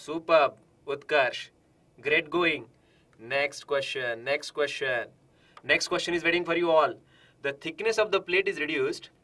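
A man in his thirties with an Indian accent, teaching a live online lesson, encouraging and animated, often repeating phrases and asking questions as he works through problems. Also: fairly high pitch. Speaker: exam-prep engineering teacher. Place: indoor studio in front of digital board.

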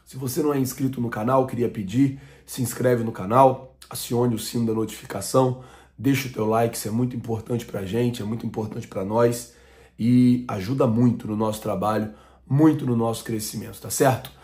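A man in his thirties, from Brazil, hosts a casual football fan vlog at a middle pitch. He rambles and circles back on his points, with plenty of fillers. He is recorded close to a webcam in a small home room. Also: steady tone, a little fast, a little mellow. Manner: rambling, repeats himself, many fillers. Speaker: football channel host.

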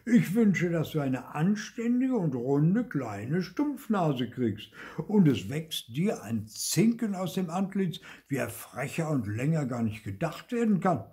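A fussy old woodcarver, indignant and blustering, his voice rising high as he scolds, then sinking into sighs, as a storyteller puts him on. A lively, swooping storybook voice, read slowly. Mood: scolding. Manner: scolding, exasperated, then lamenting.

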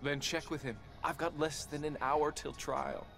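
A man's voice: a little high, level tone, moderate pace, gravelly, a bit bright, soft background music. An actor playing an impatient male demon in a video game, brusque and commanding.

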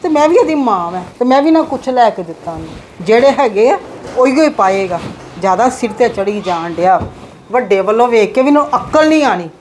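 A woman's voice: on the high side, animated, brisk, darkish tone, lightly acted. An actress playing a strict, frugal mother of two sons in a family drama, lecturing in an exasperated, scolding way. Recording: echoey room with faint noise.

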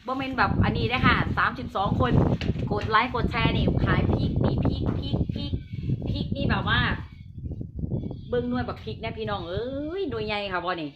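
A woman with an Isan accent doing hyped, chatty live-seller patter, repeating her pitch and addressing viewers in a folksy way. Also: fairly quick, highs cut off, very noisy. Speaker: live-stream seller of chillies and farm produce.

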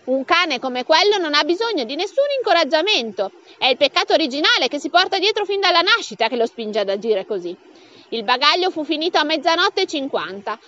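A woman reading a comic novel aloud as an audiobook, bringing the dialogue to life with raised pitch. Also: sharp tone, highs cut off. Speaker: audiobook reader.

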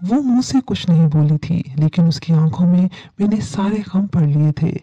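Brief: woman storyteller, calm earnest horror narration, very dark mellow tone, dull lo-fi recording. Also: on the low side, no room sound.

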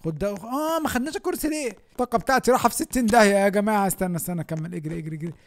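A young man with an Egyptian Arabic accent giving excited gameplay commentary as a gaming YouTuber, often shouting and laughing. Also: high-pitched, very fast.

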